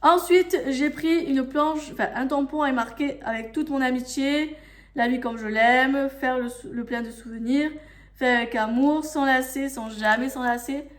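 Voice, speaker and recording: A woman's voice: sits high, normal speed. A woman chatting through her craft shopping haul, gushing over each item with many fillers. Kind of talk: casual haul vlog.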